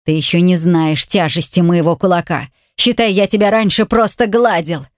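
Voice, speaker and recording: A woman's voice: on the low side, normal speed, no room sound, studio quality, lightly acted. A woman reading an audiobook voices a furious, brutal man who snarls threats and insults. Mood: menacing. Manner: snarling, menacing, shouting insults.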